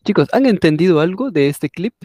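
A man's voice: sits high, animated, brisk, dark tone, dry recording, studio quality. A man teaching an English class who explains in a conversational way and often checks in with his listeners. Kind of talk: explaining a lesson.

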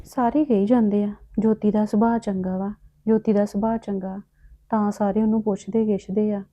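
A woman's voice: mid-range voice, little pitch movement, moderate pace, mellow, highs cut off. A woman playing an older sister who feels neglected, sulky and aggrieved. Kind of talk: village drama acting.

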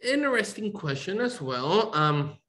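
A middle-aged architect from Colombia talks on a video call in an academic webinar. His voice sits a little higher than most men's, and he hesitates, filling his sentences with uhs and restarts. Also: big pitch swings, a little slow, fairly bright tone. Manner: hesitant, many fillers and restarts. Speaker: architect, guest speaker. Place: home room, video call. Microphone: computer mic on video call.

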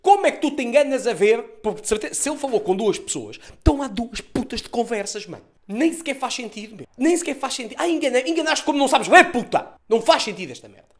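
A man's voice: extremely high pitch, expressive, quick pace, few pauses. A Portuguese man with a Lisbon accent doing a sarcastic comedy recap of a TV episode, swearing and mocking the plot. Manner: mocking, swears a lot, mimics characters. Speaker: comedian reviewing a TV series.

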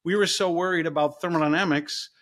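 A middle-aged man, a guest professor, telling a story in a casual, animated interview. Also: quick pace. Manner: animated, acts out story voices with big pitch jumps. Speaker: guest, professor and ice bath company co-founder.

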